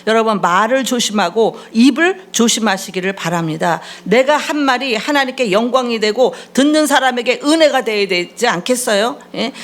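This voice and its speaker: A woman's voice: mid-range voice, gravelly, a little hiss or hum. A middle-aged woman pastor preaching a sermon, scolding and prodding the congregation for replies. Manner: acts out quoted voices mid-sermon.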